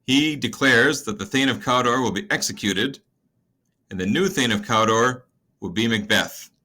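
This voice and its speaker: A man with a bright, forceful voice at a mid pitch, talking through a play summary. His delivery is casual and conversational, with wry asides to the listener. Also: moderate pace.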